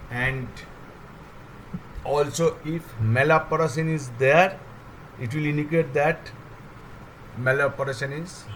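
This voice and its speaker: An older man with an Indian English accent gives a technical explanation at a very slow, unhurried pace. His voice sits a little high for a man, and he works haltingly through lists, one item at a time. A faint hum of noise runs underneath. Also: a bit bright, low-quality recording. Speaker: railway electrical engineer.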